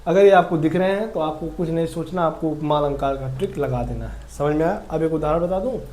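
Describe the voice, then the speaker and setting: A male teacher explaining a grammar lesson, repeating key words slowly and asking the class questions. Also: fairly high pitch, darkish tone, a little hiss or hum. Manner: repetitive, drills words slowly.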